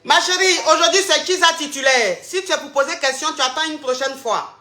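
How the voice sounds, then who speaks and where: A woman's voice: high voice, a little fast, pushed and bright, reverberant. A woman hosting a live call-in show on a livestream, chatting casually and teasing her callers with playful repetition.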